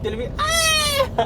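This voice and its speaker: A Malayali man from Kerala telling a family story, casual, laughing, talking loud from a car. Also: very high voice, heavy background noise. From Kerala, India. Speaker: family vlogger. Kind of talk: casual vlog chat. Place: in a car on city roads.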